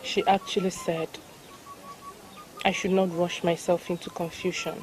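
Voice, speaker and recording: A woman's voice: on the low side, level tone, unhurried, darkish tone, a little hiss or hum, natural voice. A woman with a Nigerian accent playing an earnest, pleading queen in a film drama, with formal phrasing. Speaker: actor. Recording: prominent film music behind the voice. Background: music.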